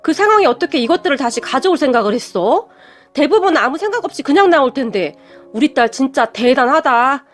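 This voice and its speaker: A proud, admiring middle-aged dad, read by a woman storyteller in her own fairly high voice, with faint music under the reading. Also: very animated, a little fast. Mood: impressed.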